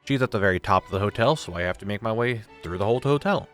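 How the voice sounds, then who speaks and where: A man's voice: on the low side, animated, fast, fairly bright tone, faint music behind. Casual young man narrating gameplay. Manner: informal, joking, occasional swearing. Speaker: gaming video creator.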